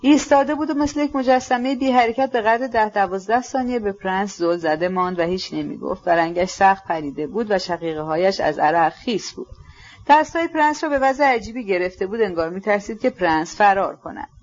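A woman reading a novel aloud in measured, expressive narration. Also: mid-range voice, highs cut off. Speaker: audiobook reader. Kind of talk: scripted narration.

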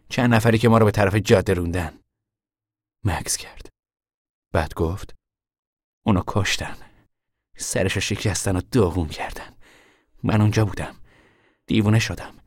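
A man's voice: long pauses, dry recording, studio quality, lightly acted. An actor playing a weary young man on the run who talks in a tired, grim way. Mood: shaken. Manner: tired, grim, low-voiced.

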